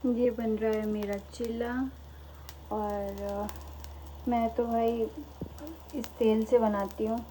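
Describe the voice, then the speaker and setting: A woman in her thirties narrates a casual home vlog, talking to viewers and gently coaxing her kids. Her voice sits a little high but sounds mellow and warm. A faint household hum is heard behind her, as if filmed on a handheld phone. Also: flat delivery, slow, pauses often, rough recording. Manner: chatty, coaxing and soothing with her children. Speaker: vlogger and mother. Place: home, indoors.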